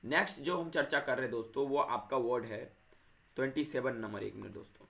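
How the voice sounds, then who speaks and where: Male tutor, mid pitch, chatty and repetitive lesson delivery, self-correcting. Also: brisk, fairly bright tone, a little hiss or hum. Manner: repetitive, addresses viewers as friends; corrects himself mid-sentence. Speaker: teacher. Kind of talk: explaining grammar to viewers.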